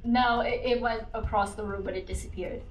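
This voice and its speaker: A woman running a tabletop game, her voice sitting fairly high as she paints each scene in vivid detail. The sound carries a roomy echo around her. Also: steady tone, brisk, soft background music. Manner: vivid, descriptive narration. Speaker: game master.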